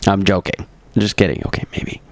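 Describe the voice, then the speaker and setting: A man's voice: sits low, fairly quick, dry recording. A man hosting a podcast in casual chat, joking and rambling, correcting himself, with a cough. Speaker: podcast host.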